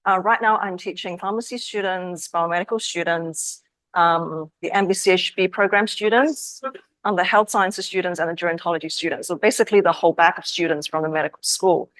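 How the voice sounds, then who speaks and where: A woman from Australia who teaches English, introducing herself on a panel in a relaxed, friendly way. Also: on the low side, fairly quick, no echo.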